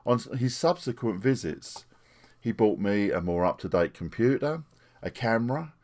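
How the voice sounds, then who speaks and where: Speaking into a desktop mic, this Englishman in his sixties, a retired pastor, recounts his life to camera in a sincere, straightforward manner. His lowish voice is expressive and slightly mellow, moving at a normal pace.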